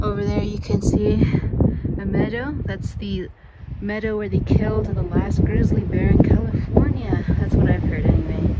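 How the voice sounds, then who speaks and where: A woman's voice: medium pitch, lo-fi sound, heavy background noise. A woman narrating a casual hiking vlog outdoors on a mountain trail, gushing with enthusiasm. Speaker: vlogger.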